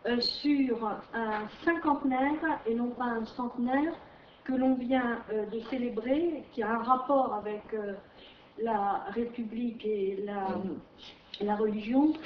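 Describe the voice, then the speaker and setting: A woman's voice: on the high side, a little hiss or hum. A middle-aged woman giving an academic lecture as a visiting historian, speaking with many fillers and restarts. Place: lecture room. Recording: distant, roomy, dull lecture-hall recording.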